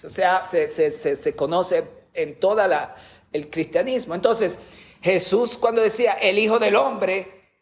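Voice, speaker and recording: A man's voice: high-pitched, a little slow. A man preaching a sermon as a pastor, teaching with rhetorical questions and sometimes repeating words as he goes.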